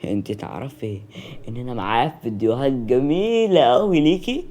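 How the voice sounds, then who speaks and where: A storyteller voicing a sly young man who taunts in a low voice, with an Egyptian accent. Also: lively intonation, fairly quick, mellow, lightly acted.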